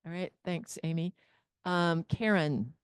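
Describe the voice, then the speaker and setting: A workshop facilitator with a lowish, smooth voice speaks slowly into a handheld microphone, walking through the agenda step by step in an organized way. She's in a meeting room with people present and online, and the audio is clean studio sound with no room echo.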